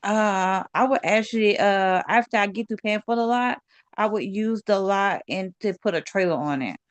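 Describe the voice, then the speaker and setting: Hesitant woman from Louisiana asking a question. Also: mid-range voice. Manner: hesitant, halting speech. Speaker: class attendee asking a question.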